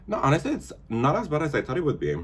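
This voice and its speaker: A man's voice: a little high, huge pitch swings, rapid-fire, husky. A man in his twenties hosting a casual chat with his partner, teasing and playfully blunt. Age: 20s. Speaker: vlogger host.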